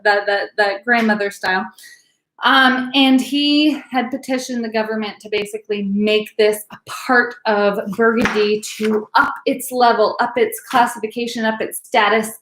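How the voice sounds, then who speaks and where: A woman's voice: a little high, reverberant, poor audio. A woman teaching a live online wine class, chatty and bubbly, with many fillers. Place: home room, live video class.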